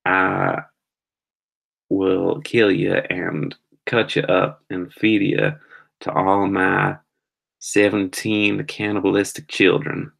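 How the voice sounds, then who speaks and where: Drawling deep south redneck villain, low and slow, guy putting it on for laughs. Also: flat delivery, creaky, a bit bright, exaggerated voice, low-quality recording. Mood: menacing. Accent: put-on Southern US.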